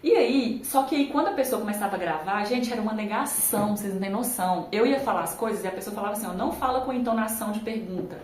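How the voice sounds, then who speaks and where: A woman's voice: medium pitch, racing, few pauses, darkish tone, roomy sound, a little hiss or hum, poor audio. A woman talking casually to viewers in a vlog, recorded on a phone camera. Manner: chatty, conversational, addresses viewers directly. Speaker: YouTuber.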